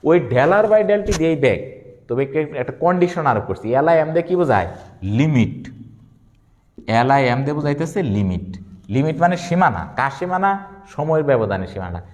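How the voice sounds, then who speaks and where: Lively echoing male physics teacher. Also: on the high side. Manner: asks questions and answers them himself; repeats key terms slowly. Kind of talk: classroom lecture.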